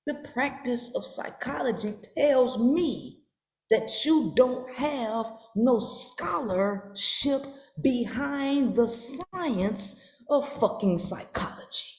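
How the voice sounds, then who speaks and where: A woman hosting a podcast, giving a mocking, profane reaction commentary with emphatic, sometimes shouted lines. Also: high voice, animated, slow. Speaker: podcast host. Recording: roomy echo.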